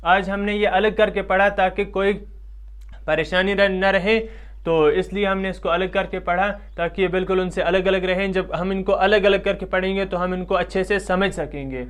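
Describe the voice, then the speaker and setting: A man with a high, smooth and resonant voice gives a Quran pronunciation lesson in a Pakistani Urdu accent. He talks patiently, drawing out each letter and saying it again and again so listeners can copy it. His teaching is steady and methodical. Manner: patient, repeats letters loudly and slowly to model pronunciation. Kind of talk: tajweed lesson.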